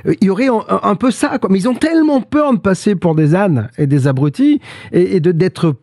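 A man's voice: sits high, animated, a little fast, darkish tone, no room sound, clean studio sound. A man hosting a casual talk-radio show, speaking animatedly and restarting his sentences often as he puts questions to his co-host.

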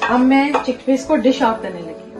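A woman in her thirties hosts a home cooking show from her own kitchen. She talks step by step in a fairly high, friendly-sounding chat as she works. Clear background music runs under her voice. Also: animated, normal speed. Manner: chatty, walks viewers through each step. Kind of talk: casual cooking demonstration.

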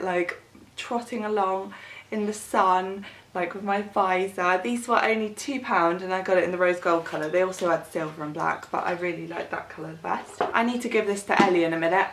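A British woman in her twenties chatting casually through a shopping haul as a vlogger, with a tired voice that is starting to give out. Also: medium pitch. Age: 20s. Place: bedroom, indoors. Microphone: camera a short distance away. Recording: roomy echo, faint background noise.

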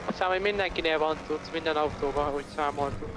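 A man's voice: fairly high pitch, over music. A man in casual in-character game roleplay, talking matter-of-factly about how the group is organized. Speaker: roleplay player.

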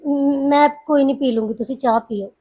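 A sensible young sister who keeps urging patience and care, played by a woman. She speaks softly in a fairly high voice, coaxing rather than arguing. She is a figure in a family drama. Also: a little fast, close to an everyday voice.

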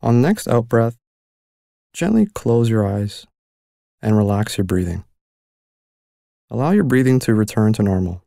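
A man narrating a guided mindfulness meditation as the guide, giving calm, gentle, unhurried instructions with long pauses between phrases. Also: fairly low pitch, gravelly, no echo, studio quality.

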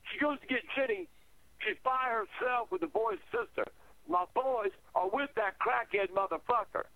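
A profane older man tells his side of a family feud, stammering over words and swearing hard. His voice sits unusually high, and it comes through dry and tinny, like a phone call. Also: very animated, normal speed, creaky, dry recording. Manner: profane, ranting, repetitive stammering. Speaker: radio show guest. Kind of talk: angry personal storytelling.

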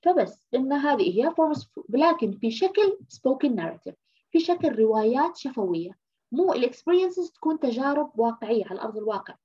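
A woman's voice: high voice, very animated, moderate pace, dark tone, husky. A woman from Egypt giving a university lecture, explaining patiently, repeating key terms and checking in with "okay?". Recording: muffled lo-fi lecture recording.

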